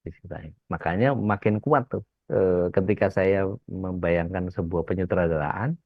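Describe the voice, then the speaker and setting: A man's voice: sits low, normal speed, no room sound. A male Islamic preacher giving a casual religious talk, telling stories and acting out the voices of the people in them. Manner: storytelling, acts out quoted characters. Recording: dull, dry lo-fi sound.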